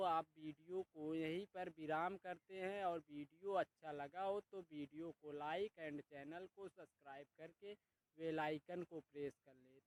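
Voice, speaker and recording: A man's voice: a little high, dry recording, rough recording. A man giving the channel outro, asking viewers to like and subscribe in a routine sign-off. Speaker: channel host. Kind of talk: video outro.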